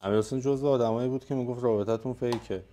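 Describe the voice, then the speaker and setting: A man's voice: mid-range voice, fairly even intonation, warm tone, soft background music. A man hosting a reaction video, giving blunt, slangy commentary. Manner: blunt, slangy, quick to judge.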